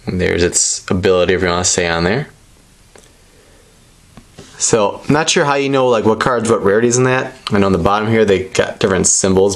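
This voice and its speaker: A man giving casual, unscripted commentary as he presents trading cards, explaining things in a rambling, tentative way. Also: fairly low pitch. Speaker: presenter opening trading card packs.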